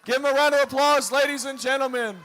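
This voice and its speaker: A man announcing a powerlifting meet live, working up the crowd like a showman with booming calls, drawn-out numbers and urging. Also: steady tone, pushed and bright. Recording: crowd noise in a live venue.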